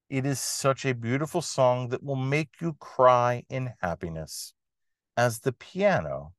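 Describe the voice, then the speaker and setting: A man's voice: on the low side, no echo, clean studio sound. A man hosting a music podcast, giving an enthusiastic review monologue with emphatic, dramatic phrasing.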